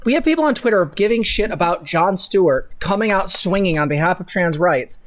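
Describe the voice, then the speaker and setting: A young adult livestream co-host speaks bluntly and emphatically into a close desk mic on a boom arm in a small room at home, sarcastic and casually sweary. He mixes dramatic reading with opinionated reaction commentary, his medium-pitched voice lively in intonation and a little fast.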